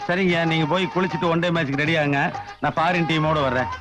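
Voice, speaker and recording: An actor playing a fast-talking, scheming male comic fixer in a film comedy scene, with cheeky, wheedling banter. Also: on the high side, steady tone, over loud music, lightly acted. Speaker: comic sidekick. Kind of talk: Tamil film comedy acting.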